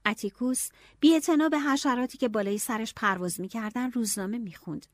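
A woman's voice: a little high, no echo. Woman narrating an audiobook. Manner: steady, storytelling.

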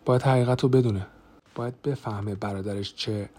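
A man's voice: lowish voice, steady tone, natural voice. A man voicing a tense young woman who confronts her brother-in-law sharply in an audiobook. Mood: confronting. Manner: sharp and heated. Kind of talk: audiobook character voice.

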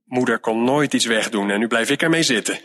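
A man reading a storybook aloud and voicing a fretful middle-aged mother who sighs and scolds as she clears out her late mother's room. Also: medium pitch, brisk, fairly bright tone, lightly acted. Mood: weary. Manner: exasperated, sighing, scolding.

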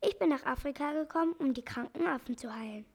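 A woman's voice: sits high, fast, creaky, darkish tone. Doktor Eibolitz, a woman doing a kind brave doctor. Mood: earnest.

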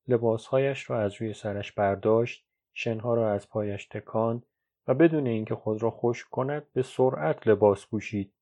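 A man narrating a novel as an audiobook, in a measured, even storytelling read. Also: fairly low pitch. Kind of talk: scripted literary narration. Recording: dull lo-fi recording.

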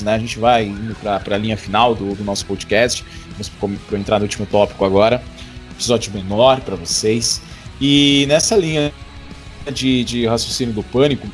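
A man in his twenties hosting a podcast, chatting casually and joking, with many restarts. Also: medium pitch. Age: 20s. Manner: jokey, laughing, rambling with restarts. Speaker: podcast host.

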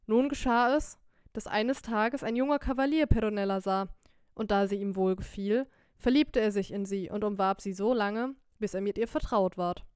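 A woman reading a classic story aloud as an audiobook narrator, with measured, classic storytelling. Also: mid-range voice, darkish tone, clear, resonant tone, no room sound, clean studio sound. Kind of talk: scripted narration.

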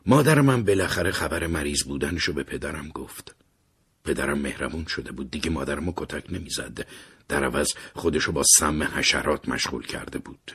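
Male narrator, very low and husky, steady first-person storytelling.

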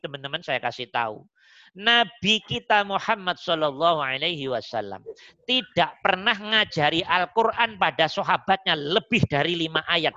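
A man gives an informal religious lesson in a bright, forceful voice, repeating his points and often asking whether everyone follows. The audio is dull and lo-fi, with dry, close sound and no room echo. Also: a little high. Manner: repetitive, keeps checking that listeners understand. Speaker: Islamic teacher (ustaz).

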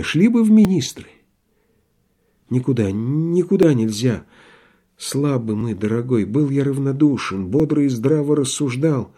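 Broken middle-aged doctor voiced by a man, resigned, dark tone, audiobook. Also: mid-range voice, natural voice.

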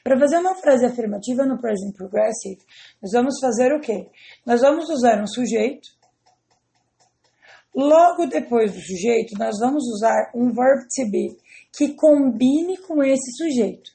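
Brazilian woman teacher, patient and methodical, a fairly high voice with a gravelly edge. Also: lively intonation, a little slow, dark tone. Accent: Brazilian Portuguese. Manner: patient, step-by-step explaining with checking tags. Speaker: English teacher. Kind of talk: explaining grammar to students.

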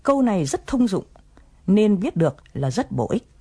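A woman's voice: medium pitch, very animated, normal speed, warm tone, husky. A woman presenting an English lesson, explaining phrases patiently and coaxing learners to repeat them.

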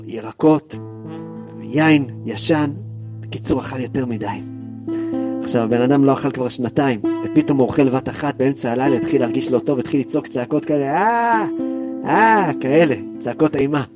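Male Torah teacher, animated storyteller who acts out the characters, guitar music behind him. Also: medium pitch.

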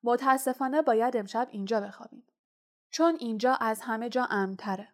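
Brief: old male headmaster wizard, read by a woman, steady, unhurried instructions. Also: a little high, lightly acted. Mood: calm. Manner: calm, measured instructions.

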